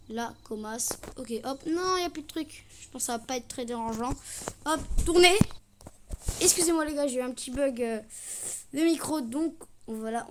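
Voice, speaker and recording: A young woman doing casual, slangy commentary on a horror game, chatting to her viewers. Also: a little high. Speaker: gaming streamer. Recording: noisy home gaming mic.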